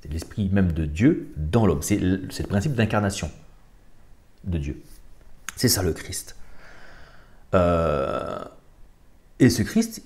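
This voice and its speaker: Mellow-voiced man musing casually on scripture. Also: lowish voice. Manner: colloquial, thinks aloud while looking up verses. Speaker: channel host. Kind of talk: casual spiritual commentary monologue.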